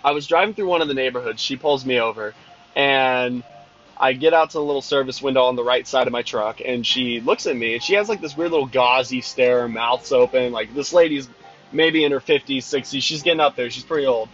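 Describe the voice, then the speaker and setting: A twenty-year-old man with a medium-pitched, slightly bright voice talks fairly quickly, telling a casual, profane, exasperated story about his job on a snow cone truck. The lo-fi audio sounds dull, with faint music behind him.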